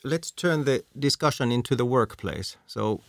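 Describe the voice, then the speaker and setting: A man from Finland hosting an interview, measured and steering the talk with questions. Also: medium pitch, lively intonation, gravelly, dry recording. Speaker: interviewer, host. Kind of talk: conversational interview.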